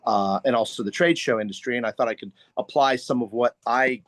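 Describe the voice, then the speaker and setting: A man's voice: mid-range voice, brisk, dry recording. Middle-aged man in a dry podcast interview. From United States. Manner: relaxed, explanatory, with fillers. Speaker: real estate agent guest.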